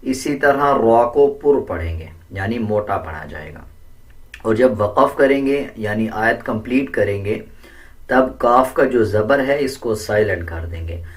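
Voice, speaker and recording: A man teaching Quran recitation step by step in a patient, deliberate way, correcting common mistakes. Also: fairly low pitch, expressive, recorded from a distance. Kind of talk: step-by-step pronunciation lesson.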